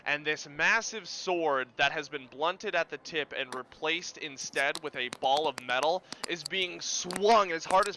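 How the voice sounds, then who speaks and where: A man narrating as game master of a tabletop game, lively and throwing in vocal sound effects. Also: on the high side, a little hiss or hum, low-quality recording.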